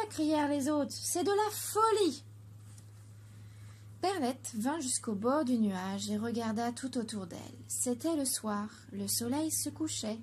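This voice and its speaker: Female narrator for a children's storybook: high-pitched, clear and gentle, with light background noise.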